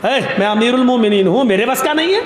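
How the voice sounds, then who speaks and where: A man's voice: very high voice, expressive, a little hiss or hum. A man voicing a firm but kindly ruler who coaxes a visitor to speak up. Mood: coaxing. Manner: firm, coaxing questions. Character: commanding, kindly older male caliph. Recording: echoey room.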